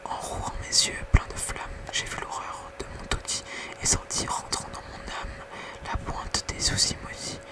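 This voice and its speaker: A very quiet, night-time whisper reading poetry softly in an ASMR bedtime style. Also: moderate pace. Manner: hushed bedtime reading with casual whispered asides. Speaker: ASMR reader.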